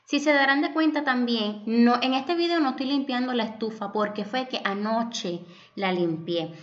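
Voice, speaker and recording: A chatty young woman vlogger from Puerto Rico narrates a home vlog as a voice-over, speaking with a Puerto Rican Spanish accent and affectionately calling viewers "my loves." Her voice is on the high side at a normal speed, the audio is dull, and faint music plays behind her.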